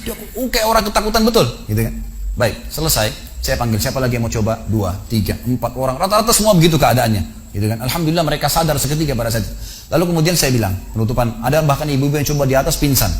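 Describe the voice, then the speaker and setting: A man preaches at a quick clip, telling a story with dramatic swings from hushed to loud pleading. His pitch sits in a middle range. Faint noise sits under the recording. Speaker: Islamic preacher. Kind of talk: sermon storytelling.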